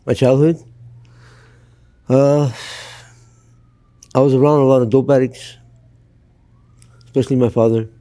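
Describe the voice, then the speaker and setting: Older man, from Canada, interview, blunt storytelling, plain-spoken, deep mellow tone. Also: fairly even intonation, a little slow, pauses often. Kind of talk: candid life-story interview. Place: outdoors in Los Angeles.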